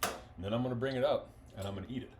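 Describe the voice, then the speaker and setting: A man's voice: mid-range voice, racing, background noise. A man giving a folksy, enthusiastic cooking demonstration in a home kitchen, talking with his mouth full as he eats.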